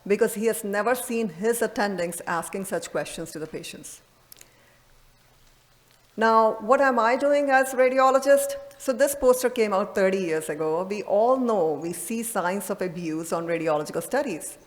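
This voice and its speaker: Earnest and emphatic, a woman radiologist gives a talk at a medical conference, recorded in an echoing hall. Her voice sits in the mid range and keeps a moderate pace.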